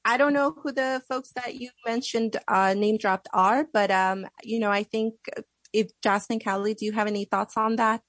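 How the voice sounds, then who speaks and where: A woman's voice: a little high, fairly even intonation, moderate pace, a bit bright, no echo. A woman hosting an unscripted live interview, talking conversationally with hesitant phrasing as she takes calls and puts questions. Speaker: interview host.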